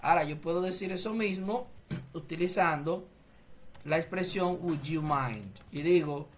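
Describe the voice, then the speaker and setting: Man, native Spanish speaker, English teacher, slow and deliberate, repeats phrases, clears throat. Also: a little high, a little hiss or hum. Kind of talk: bilingual grammar lesson.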